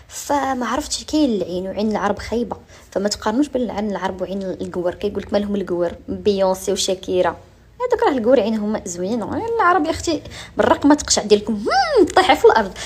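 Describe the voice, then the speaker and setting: A woman's voice: mid-range voice, a little mellow. A young woman with a Moroccan accent, chatting casually and confidingly to her followers on a phone at home, with a gossipy edge. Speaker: lifestyle vlogger.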